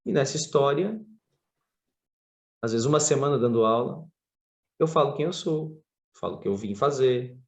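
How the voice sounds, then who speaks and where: A man from Brazil, a podcast guest and surf instructor telling stories in a casual interview, his pitch jumping up expressively. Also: expressive, moderate pace, long pauses.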